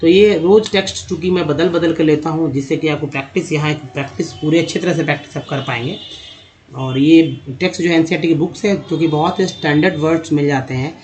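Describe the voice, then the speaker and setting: A man's voice: on the high side, quick pace, darkish tone. A man teaching English reading, spelling out letters and sounding out word parts patiently. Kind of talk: slide-based reading lesson. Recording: dull lo-fi recording.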